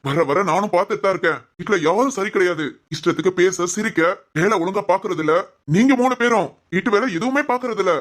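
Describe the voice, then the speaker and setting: A woman's voice: mid-range voice, fast talker, lightly acted. Woman voicing a stern scolding father. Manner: scolding, domineering. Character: stern angry father, head of the family. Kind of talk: animated family drama voice acting.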